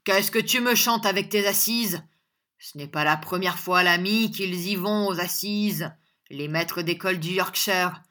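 A woman's voice: on the low side, unhurried. A woman voicing a bluff, hot-tempered honest country man who blusters and defies his opponent in a storybook reading. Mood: defiant. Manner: loud, blustering and defiant.

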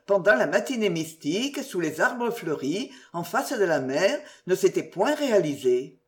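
A woman reading a literary novel aloud as narrator, lyrical and expressive. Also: mid-range voice. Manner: lyrical and expressive, slowing for exclamations.

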